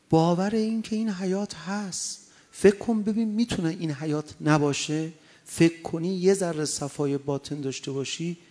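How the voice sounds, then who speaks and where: A man preaching a sermon, passionate, moving between loud urging and quiet storytelling. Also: on the high side. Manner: impassioned, swings from loud exhortation to quiet anecdote. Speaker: cleric.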